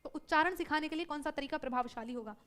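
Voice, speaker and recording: A woman teaching a live online exam-prep class, brisk and self-correcting, who keeps checking in with her students. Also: high-pitched, fairly bright tone.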